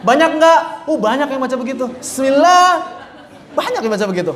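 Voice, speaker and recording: A man's voice: extremely high pitch, lively intonation, fast talker. A man teaching Quran recitation, correcting common mistakes and demonstrating right and wrong readings aloud. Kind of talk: tajwid lesson with recited examples. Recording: roomy echo.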